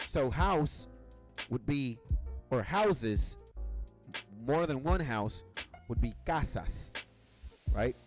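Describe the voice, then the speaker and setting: Young man, Venezuelan accent, easygoing streamer chat, clear music behind. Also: medium pitch, expressive, slow pace, pauses often. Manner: rambling, loose, slangy. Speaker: game streamer. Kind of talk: casual chat while gaming. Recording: game music playing behind. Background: clear background music.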